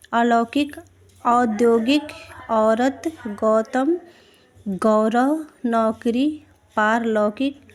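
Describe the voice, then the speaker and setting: A woman teacher giving an exam-prep spelling lesson, slowly reading out word lists and pausing to ask her students rhetorical questions. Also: on the high side. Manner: slow, deliberate reading of word lists with brief explanations.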